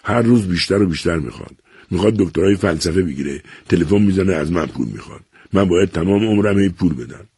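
A man's voice: deep voice, animated, darkish tone, husky, no room sound, clean studio sound. A man doing a pleading desperate son. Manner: pleading, self-pitying, emotional. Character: desperate middle-aged man pleading with his father.

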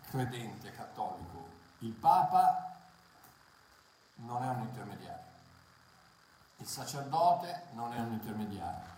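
A man preaching a Bible sermon, impassioned and emphatic, repeating key phrases and pausing on hesitant fillers. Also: medium pitch, dark tone. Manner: impassioned, emphatic repetition, halting fillers and restarts. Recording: very echoey room, faint noise.

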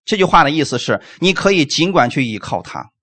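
A man preaching a sermon, animated and full of rhetorical questions, closing his points with "amen". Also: on the high side, brisk.

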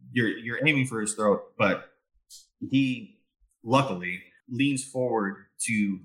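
A man running a tabletop game as game master, setting scenes in an unhurried way with plenty of fillers. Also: lowish voice, a bit bright, far from the mic, rough recording.

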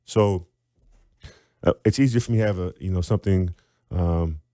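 A man's voice: low voice, normal speed, dry recording, clean studio sound. A man, an author and reading teacher, explaining his method in an interview and sounding out syllables aloud. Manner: animated, demonstrates sounds aloud.

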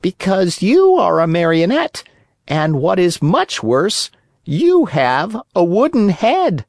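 A wise old talking cricket from a storybook, calm and preachy, speaking in a thin, raised voice, as the narrator puts him on. His lines rise and fall widely, slow and careful, in a dry, close recording. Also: mid-range voice, no echo, pitched above the performer's own voice, heavily acted. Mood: calm lecturing. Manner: calm, lecturing.

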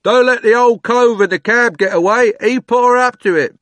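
A rough voice bellows loud and high from within the crowd, as a male reader plays him. The sound is dry and close. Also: normal speed, no echo. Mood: accusing. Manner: yelling accusation.

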